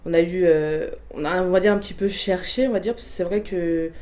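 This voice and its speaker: A woman in her twenties from a Portuguese family background gives a personal testimony in response to prompts. Her fairly low, darkish voice moves a little fast, and she sounds hesitant, with many fillers and restarts.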